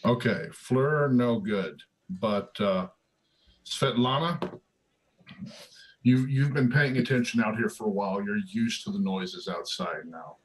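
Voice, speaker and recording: A man's voice: on the low side, takes it slowly, rough recording. Man running a tabletop game. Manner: casual, hums little theme tunes, restarts phrases. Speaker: dungeon master.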